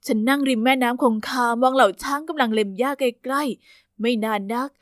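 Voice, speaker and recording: A woman narrating a first-person story with a steady, even storytelling delivery. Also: high voice, fairly quick, no room sound, clean studio sound.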